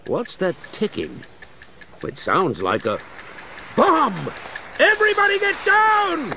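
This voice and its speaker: An actor playing a baffled, gruff male police commissioner in a children's audio drama, puzzled and exclamatory. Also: very high voice, wildly swooping pitch, slow, background noise, exaggerated voice. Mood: alarmed.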